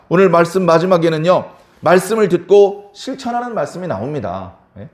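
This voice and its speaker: Male pastor, sermon, emphatic and repetitive, somewhat high voice, echoey sanctuary. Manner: emphatic, repeats key words, asks the congregation questions.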